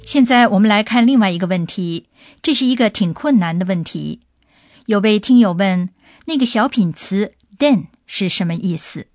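A woman's voice: medium pitch, lively intonation, moderate pace, darkish tone, dry recording, faint music behind. A woman hosting a radio language lesson, guiding the talk by putting questions to the professor. Her voice sits in the middle range and is recorded close and dry. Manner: asks the expert leading questions.

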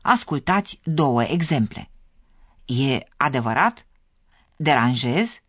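A narrator giving scripted, measured explanations in a radio language course. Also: mid-range voice, lively intonation, fairly bright tone, slightly rough, dry recording.

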